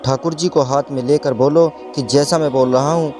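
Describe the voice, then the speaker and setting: A man's voice: on the high side, steady tone, normal speed, over music, natural voice. A man reading a scheming, threatening young man. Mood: menacing insistence. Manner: threatening, insistent. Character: scheming young man who frightens a girl.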